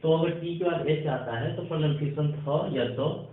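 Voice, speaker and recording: A man teaching an English pronunciation lesson to students, reading out rules slowly and often checking if they are clear. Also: a little high. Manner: slow dictation of rules, asks "clear?" often. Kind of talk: classroom lesson. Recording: tinny phone-like audio.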